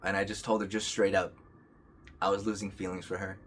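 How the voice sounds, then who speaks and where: A young man with a lowish voice tells a personal story straight to his viewers. He is calm and earnest, rambles, and often stops to restart his sentences. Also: a little fast. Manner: rambling, many restarts and fillers. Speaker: vlogger. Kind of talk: casual storytelling to camera.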